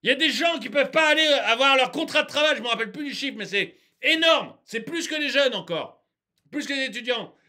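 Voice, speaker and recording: A man giving an indignant commentary, moving from calm reading into exasperated, shouting tirades. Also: very high-pitched, brisk. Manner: exasperated, ranting, shouting outbursts. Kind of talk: indignant commentary on a news topic.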